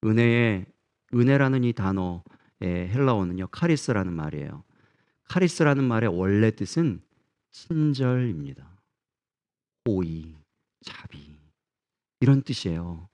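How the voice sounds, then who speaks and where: A man's voice: fairly low pitch, big pitch swings, unhurried, long pauses, a little mellow. A middle-aged man preaching a sermon as pastor, earnest and often putting questions to his congregation.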